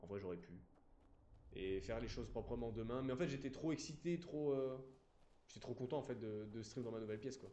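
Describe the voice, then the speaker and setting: A man's voice: medium pitch, fairly quick, warm tone, reverberant, lo-fi sound, a little hiss or hum. A man live-streaming a game, chatting casually and apologizing to his viewers while leaning close to a desk mic in an empty room.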